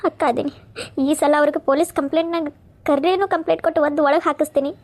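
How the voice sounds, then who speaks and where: A woman's voice: sits high, fairly even intonation, racing, a little mellow, voice pushed up. A woman voicing a caring, protective elder sister who coaxes and scolds. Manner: coaxing, then firm and scolding.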